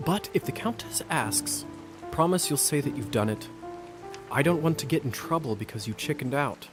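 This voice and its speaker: A man's voice: mid-range voice, expressive, moderate pace, music in the background, natural voice. An actor playing an easygoing male vampire mentor in a video game, coaxing and conversational, casually reassuring. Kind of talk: scripted game dialogue.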